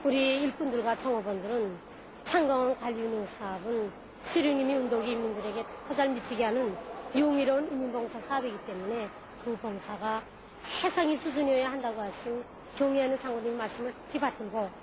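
North korean accent lady, pretty high voice, reciting a formal interview answer, noisy location sound. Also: quick pace. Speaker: service facility worker being interviewed. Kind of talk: formal prepared interview statement.

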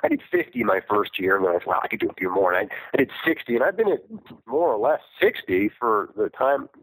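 Low-voiced guy on an old flip phone call, husky, lively pitch, rambly. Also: dry recording. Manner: rambling, self-correcting, laughs often. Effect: talking over a flip phone call. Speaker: guest farmer. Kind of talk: casual interview chat. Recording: dry phone-call audio.

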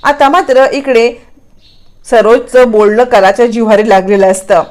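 A woman narrating a dramatic recap of a TV serial episode in a lively storytelling manner. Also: a little high, moderate pace.

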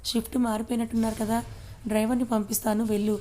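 A woman voicing a calm, protective young husband in an audio story, speaking in a steady, matter-of-fact way. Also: a little high, fast talker, slight background noise, natural voice. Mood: reassuring.

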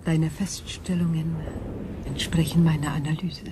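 In a science fiction radio drama, a woman plays an ancient alien cosmic intelligence, calm, analytical, and formal, with a measured, detached delivery. Her deep voice carries a solemn, wistful mood over a noisy background.

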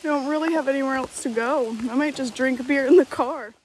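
Young woman, higher voice, giggly chatty vlogger, outdoors in rain, noisy background. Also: quick pace, darkish tone. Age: young adult. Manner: giggly, chatty, laughing often. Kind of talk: casual vlog chat. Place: outdoors at a rainy campsite. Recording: noisy outdoor campsite recording. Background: rain and outdoor ambience.

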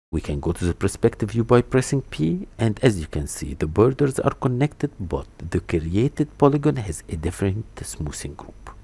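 Low, husky-toned male tutor, lively rises and falls, talking calmly through each step at the desktop mic. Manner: step-by-step, methodical, with restarts and a stumble over a word. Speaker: 3D modeling tutor. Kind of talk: screen-recorded software tutorial.

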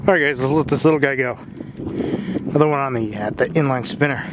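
Out on a windy, chilly pond shore, a male fishing vlogger narrates casually to an action camera strapped to his chest, cold and with a runny nose. He speaks at a medium pitch and a brisk pace.

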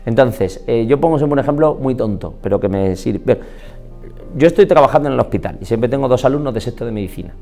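A man from Spain, a doctor, giving an expressive motivational talk and often quoting people in changed voices. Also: mid-range voice, fast, soft background music. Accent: Spain Spanish. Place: indoors, filmed talk.

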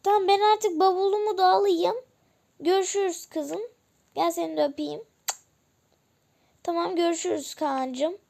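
A woman's voice: extremely high pitch, fairly even intonation, creaky, a little mellow. Woman playing a stubborn departing mother. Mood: defiant. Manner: insistent, dismissive, quick. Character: stubborn mother leaving her family. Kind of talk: family role-play.

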